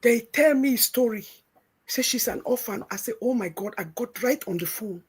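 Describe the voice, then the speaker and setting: A woman's voice: a little high, expressive, normal speed, husky. A middle-aged woman with a Nigerian Pidgin-tinged English accent, hosting and telling a story animatedly, voicing her own past lines in quotes. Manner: retells conversations in quoted speech, emphatic and motherly. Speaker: show host.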